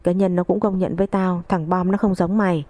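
A woman reading the part of a sharp-tongued old mother-in-law who scolds crudely, in a storybook narration. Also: lowish voice, flat delivery, a little fast, no echo, natural voice. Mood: scolding.

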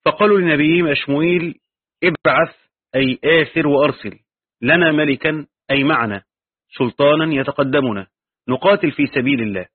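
Husky man reading commentary over a thin line. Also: on the high side, no echo, narrow, tinny audio. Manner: measured reading with pauses, self-corrections and spoken asides. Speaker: Quran commentary teacher. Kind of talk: reading and explaining a Quran commentary.

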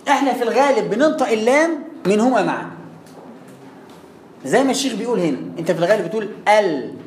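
A man's voice: high voice, expressive, fast talker. Egyptian man, recitation teacher, demonstrates sounds repeatedly, roomy echo, faint background hiss. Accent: Egyptian Arabic. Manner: repeats sounds to demonstrate, asks rhetorical questions. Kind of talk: explanatory classroom lesson. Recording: echoey room with faint noise.

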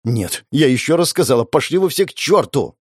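A man's voice: medium pitch, big pitch swings, unhurried, dry recording, clean studio sound, soft background music, pitched above the performer's own voice. A man voicing a furious, swearing young woman. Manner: shouting, swearing, defiant. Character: furious young woman breaking free of family.

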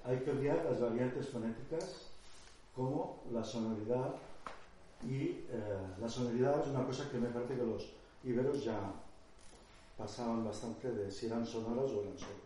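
A man's voice: medium pitch, moderate pace, dark tone. A man giving a conversational talk at a conference, explaining with examples and thinking aloud as he goes. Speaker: lecturer. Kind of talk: conference talk with audience questions. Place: lecture hall. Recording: echoey hall, distant mic, faint noise.

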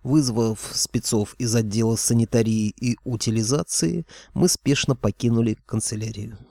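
A man's voice: medium pitch, moderate pace, creaky, dark tone, dry recording. A man narrating a first-person fantasy audiobook in a wry, conversational way.

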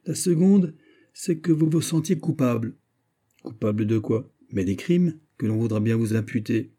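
A man reading an audiobook and voicing an earnest, calm young nobleman who pleads and warns. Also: mid-range voice, normal speed, slightly rough.

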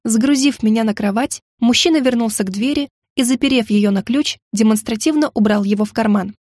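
A woman's voice: fairly high pitch, a little fast, no room sound. Woman narrating a first-person novel, dry recording. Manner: steady, expressive reading. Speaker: audiobook narrator.

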